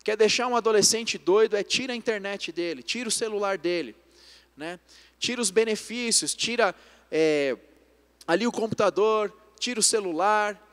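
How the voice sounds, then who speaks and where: A man's voice: high-pitched, normal speed, smooth. A young man preaching in Brazilian Portuguese, telling family stories to the congregation. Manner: storytelling, addresses congregation as brothers. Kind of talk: sermon. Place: church. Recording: long church reverb.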